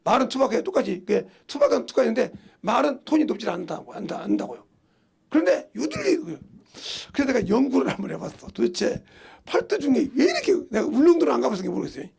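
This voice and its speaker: A man's voice: very high voice, very animated, quick pace, gravelly, darkish tone, slightly rough. A man pastor preaching a sermon in a folksy storytelling way, asking the congregation questions as he goes. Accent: Korean.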